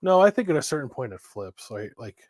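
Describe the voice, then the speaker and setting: A man co-hosting a casual sports talk show, easygoing and quick to agree. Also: medium pitch, very animated, a little mellow, no room sound, studio quality. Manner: easygoing, brief agreeing replies. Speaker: co-host.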